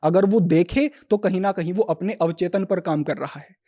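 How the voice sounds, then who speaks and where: Talking at normal speed in a high-pitched voice, this podcast guest takes the role of a yoga teacher. He calmly lays out spiritual ideas and quotes verses in Sanskrit.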